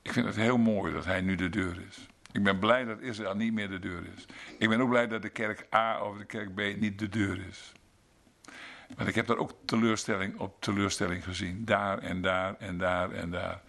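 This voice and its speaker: Man, preacher, sermon, earnest, repeats phrases, gravelly, lowish voice. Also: fairly even intonation, normal speed, a bit bright. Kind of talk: sermon with closing prayer.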